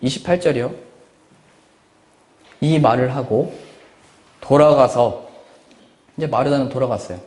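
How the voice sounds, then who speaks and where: A man's voice: mid-range voice, measured pace, long pauses, in a large hall. A male pastor delivering a Sunday sermon, reading scripture aloud and pressing his points with rhetorical questions. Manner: expressive preaching with rhetorical questions. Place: church service.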